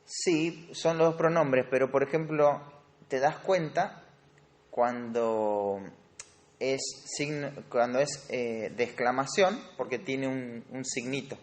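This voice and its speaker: A man from Argentina speaking with a Rioplatense Spanish accent teaches grammar in a Bible study class, asking his students questions as he explains things step by step. His mid-range voice moves at a slow pace.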